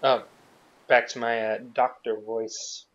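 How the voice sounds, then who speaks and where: A man's voice: medium pitch, little pitch movement, takes it slowly, lo-fi sound. A man giving casual, wry commentary while playing a story game. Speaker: gamer doing a blind playthrough. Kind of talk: let's-play commentary.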